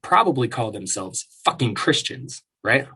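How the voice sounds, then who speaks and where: A man's voice: medium pitch, sing-song, normal speed, bright, forceful tone, husky. A man hosting his own show, ranting casually in an exasperated way, full of swearing and restarts. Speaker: podcast host. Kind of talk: casual solo rant.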